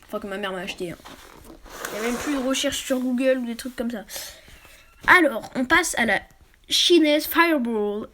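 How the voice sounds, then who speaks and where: A woman reading a book aloud for her channel. She often trips over words, corrects herself, and drops into quick, quiet asides. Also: fairly high pitch, slight background noise. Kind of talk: casual read-aloud with asides.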